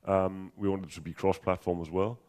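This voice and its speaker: This conference speaker is a Danish man whose voice is deep, and he talks through technical details in accented English at a software event. His manner is relaxed and dark-toned, full of ums, pauses and false starts, with humor that's dry and aimed at himself.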